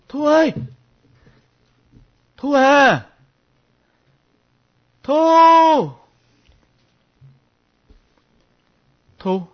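A woman's voice: low-pitched, husky. A woman playing an earnest young man who searches for his sweetheart in a stage play. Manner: calling out, earnest. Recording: muffled lo-fi recording.

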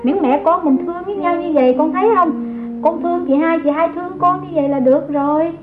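An actress playing a humble, long-suffering young mother and servant who speaks meekly and pleads softly, in an old radio drama. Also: very high-pitched, fast. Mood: tender. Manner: meek and pleading, tender with the child. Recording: tinny, phone-like old recording with music.

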